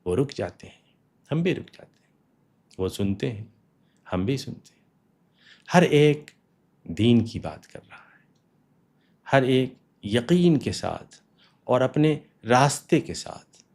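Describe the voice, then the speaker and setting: A man giving slow, solemn, reflective scripted narration with hushed pauses. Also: mid-range voice, sing-song.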